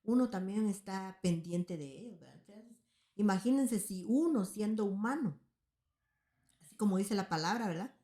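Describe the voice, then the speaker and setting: A woman's voice: mid-range voice, lively intonation, normal speed, warm tone. Earnest woman preaching in an echoey room. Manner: earnest, keeps asking "right?" of her listeners. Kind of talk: sermon-like teaching. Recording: roomy echo.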